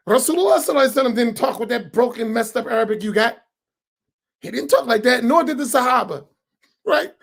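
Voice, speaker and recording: Animated joking man on a live panel. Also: very high-pitched, gravelly, breathy edge. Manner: animated, joking, preachy, slangy. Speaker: imam on a live roundtable show. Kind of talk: casual livestream talk.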